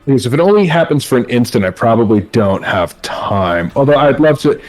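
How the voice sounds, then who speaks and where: A man's voice: medium pitch, expressive, a little fast. A man talking casually as a player in a tabletop role-playing game. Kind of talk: casual, conversational game play. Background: faint background music.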